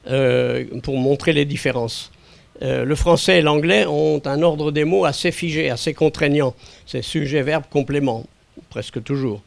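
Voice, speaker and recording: A man speaking as an expert witness, explaining calmly and hesitating often with small chuckles. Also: medium pitch, gravelly. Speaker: linguist giving expert testimony. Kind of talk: lecture-style talk to a council. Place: meeting room.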